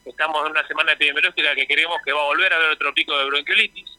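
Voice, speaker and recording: A man's voice: a little high, fairly even intonation, rapid-fire, pushed and bright, dry recording, low-quality recording. A man with an Argentine Spanish accent, a health official explaining things in a radio interview. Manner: explanatory, informative.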